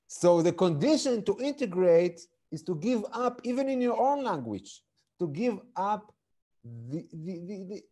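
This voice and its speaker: Hesitant man, slightly high voice, interview guest. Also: big pitch swings, measured pace, warm tone, rough recording. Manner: hesitant, repeats words while searching. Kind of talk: video call interview.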